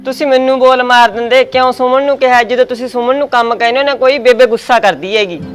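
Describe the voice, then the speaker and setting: Quick Punjabi wife, reassuring. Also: female voice, a little high, steady tone, faint music behind. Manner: soothing, reassuring.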